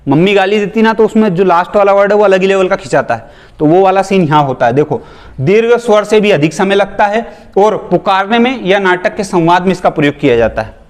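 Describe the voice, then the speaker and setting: Male grammar teacher, casual exam-prep lecture, slightly high voice, rhetorical questions, jokey teasing asides. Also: expressive, fairly quick.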